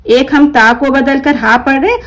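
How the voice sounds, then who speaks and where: On a low-quality recording, a woman teaches Quran reading at normal speed in a high, fairly bright voice with fairly even intonation. She poses questions to her class and answers them, elongating the words she reads out as examples.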